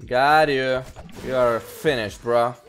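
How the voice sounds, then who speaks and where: A man's voice: medium pitch, fairly even intonation, slow, a bit bright, soft background music. A man playing a video game, commenting casually with jokes and curses. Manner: swearing, joking, playful. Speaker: gamer.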